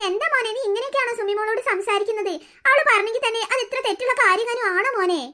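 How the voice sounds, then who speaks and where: A woman's voice: very high-pitched, racing, pushed and bright. A woman voicing a doting, meddling old grandmother in a cartoon, with a pleading, sly manner. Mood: coaxing. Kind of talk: cartoon dubbing.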